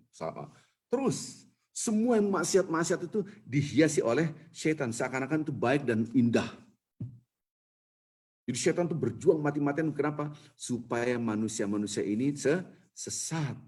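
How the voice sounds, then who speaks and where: A male preacher delivering a sermon to his congregation in a mosque. His voice sits on the high side and has a husky, breathy edge. He hammers points home with repetition and softens into hushed pleading for quoted prayers. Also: animated, a little slow, pauses often.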